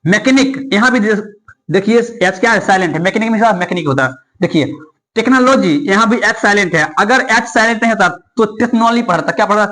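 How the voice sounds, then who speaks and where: Male English teacher, high voice, drills each rule by asking and answering his own questions. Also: fairly bright tone. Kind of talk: classroom-style explanation.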